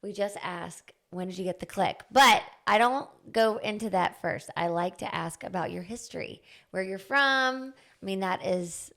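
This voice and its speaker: A bubbly woman hosts a podcast in easy, casual interview chat. She is playful and laughs often, teasing her guest warmly. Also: mid-range voice, normal speed, few pauses. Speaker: podcast host.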